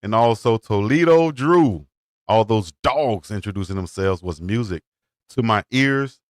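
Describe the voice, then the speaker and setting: Laid-back low-voiced male stream host. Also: a little slow, no echo, studio quality. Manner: relaxed, laughs easily, reads out viewer messages. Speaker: show host. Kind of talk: casual live-stream chat.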